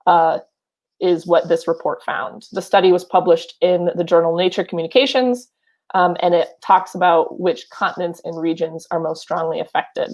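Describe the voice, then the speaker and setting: A woman's voice: on the low side, darkish tone. A woman with a Wisconsin accent, co-hosting a podcast and reading news articles aloud with casual, filler-heavy asides. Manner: chatty, many fillers and asides. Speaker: podcast co-host.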